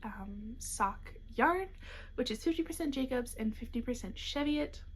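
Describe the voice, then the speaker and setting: Slight background noise accompanies this young woman, a knitwear designer and podcast host, as she displays her designs in a casual show-and-tell. Her voice is a little high and animated at a measured pace, and despite her hiccups she stays chatty and upbeat with soft asides.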